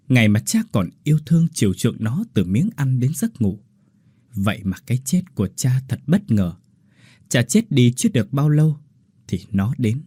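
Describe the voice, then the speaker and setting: Husky male horror narrator. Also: mid-range voice, mellow, no room sound, clean studio sound. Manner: dramatic storytelling. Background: faint music.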